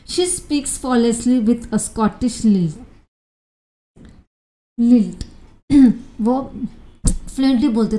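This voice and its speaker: A woman teacher explaining an English textbook lesson, reading English lines slowly and then explaining them in Hindi. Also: medium pitch, warm tone.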